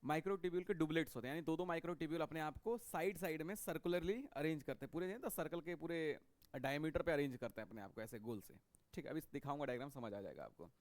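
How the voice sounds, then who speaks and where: A man's voice: on the high side, fast talker, dry recording. A man teaching a biology lecture in a classroom style. He repeats key points and keeps checking that students follow him. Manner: repetitive, checks understanding with frequent "okay".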